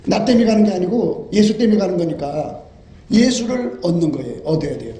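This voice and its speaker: Impassioned high-voiced male preacher. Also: lively intonation, a little fast, mellow. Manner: impassioned, acts out pleading prayers. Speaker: pastor. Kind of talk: sermon. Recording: roomy echo.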